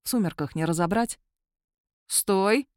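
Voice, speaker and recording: A woman reading a first-person fantasy story aloud with a wry, lively storytelling manner. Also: medium pitch, moderate pace, dry recording, studio quality. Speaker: narrator. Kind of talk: first-person audiobook narration.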